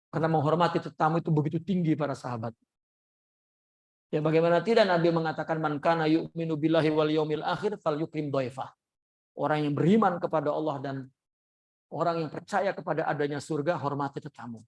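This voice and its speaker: A man teaching a religious class, telling a story and acting out the voices of its people. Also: a little fast. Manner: lively storyteller acting out quoted voices with big pitch jumps. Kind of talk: sermon storytelling.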